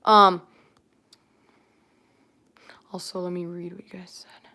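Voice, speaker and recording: A woman's voice: lowish voice, level tone, a little fast, bright, forceful tone. A woman chatting casually on a home livestream, rambling and flustered, full of ums, sometimes dropping to a near whisper as she reads comments.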